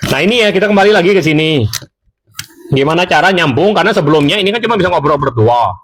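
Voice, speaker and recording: Fast and fairly bright in tone, this man's fairly high, expressive voice carries a casual intercom demonstration. As a seller, he chats directly to his viewers and corrects himself mid-stream.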